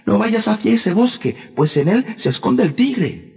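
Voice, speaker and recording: A man's voice: sits high, very animated, measured pace, darkish tone, pitched above the performer's own voice, heavily acted. A man voicing a young girl who gives urgent warnings. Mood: alarmed. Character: young girl picking flowers. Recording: echoey, dull, music behind.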